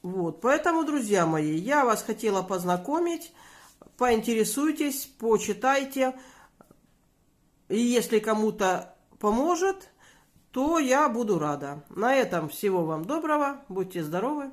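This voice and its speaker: A woman vlogger speaking to viewers in an informal advice talk, gently and earnestly recommending things. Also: on the high side, sing-song, unhurried.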